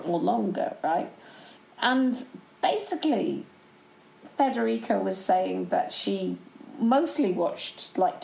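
A woman's voice: fairly low pitch, vocal fry, a little mellow, reverberant, low-quality recording. A woman co-hosting a casual chat, rambling and chatty and laughing often. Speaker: podcast co-host.

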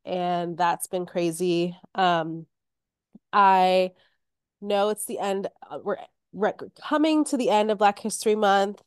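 Woman, thirties, podcast guest, casual candid chat, a bit hoarse from being sick, clean tone, dry close sound. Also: medium pitch, slow pace, dry recording. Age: 30s. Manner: chatty, candid.

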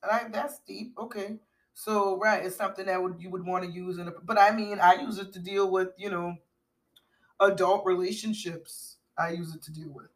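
A woman's voice: medium pitch, steady tone, normal speed. A middle-aged woman co-hosting a podcast in casual chat, rambling with fillers and restarts. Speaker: podcast co-host.

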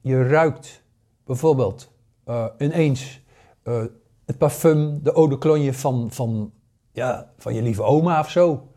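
A man in his sixties gives a casual spoken lesson. His voice is warm and mellow, and his talk is full of fillers, restarts and hesitations. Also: medium pitch, takes it slowly. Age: 60s. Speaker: paranormal course teacher.

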